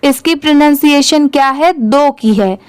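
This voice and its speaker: A woman's voice: high-pitched, no room sound. A woman teaching English reading, spelling words out letter by letter and patiently asking how each one is read. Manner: slow, letter-by-letter, patient questioning.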